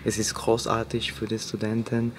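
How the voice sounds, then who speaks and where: A young man from El Salvador, an international student, speaking haltingly with many fillers. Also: lowish voice, monotone, slight background noise. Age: young adult. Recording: music clearly underneath.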